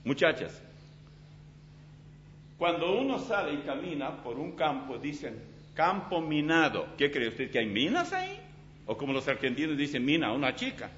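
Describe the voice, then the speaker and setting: Animated preaching man, lively pitch. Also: moderate pace, long pauses. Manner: animated, dramatic preaching with vivid illustrations. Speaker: pastor. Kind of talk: sermon. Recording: slightly dull recording with faint hum.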